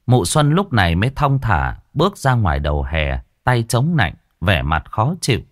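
A male storyteller narrating a ghost story in an expressive, unhurried way. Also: lowish voice, dry recording, clean studio sound.

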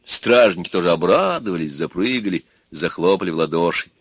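A man narrating a folk tale in an audiobook, with lively storytelling. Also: deep voice, a little fast, slightly rough, dry recording.

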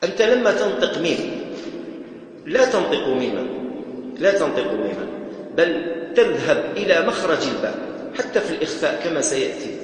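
A man's voice: a little high, big pitch swings, a little fast, pauses often. A man teaching Quran recitation rules in a patient lecture style, repeating his points and chanting short examples. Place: mosque prayer hall. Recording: echoey mosque hall with long reverb.

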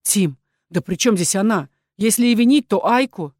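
A woman's voice: medium pitch, animated, normal speed, darkish tone, no room sound, close to an everyday voice. An anxious young man urgently pleads with his raging brother to stop, as a woman narrator voices him. His voice sounds dry and near. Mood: urgent pleading.

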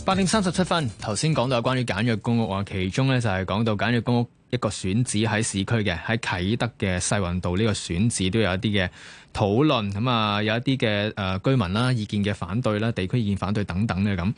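Male talk radio host, lowish voice, loose off-script delivery with ums. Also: brisk, faint music behind. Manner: loose, with many fillers and hesitations. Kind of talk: talk radio current affairs chat.

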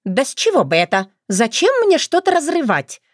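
A woman's voice: a little high, sing-song, moderate pace, a bit bright, no room sound, studio quality. A woman voicing a sarcastic young female crow, a bald bride who teases her in-laws, in a storybook reading. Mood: mocking. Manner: sarcastic, teasing.

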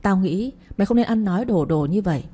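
A woman reading the part of a calm, fair-minded older concubine who argues in measured words. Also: mid-range voice, breathy edge. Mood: reasoning. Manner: measured, reasoning.

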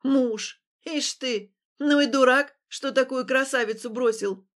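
A woman voicing a brusque, kindly old village woman in an audiobook, speaking in a lowered, louder, slow voice. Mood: gruff. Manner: brusque, scolding.

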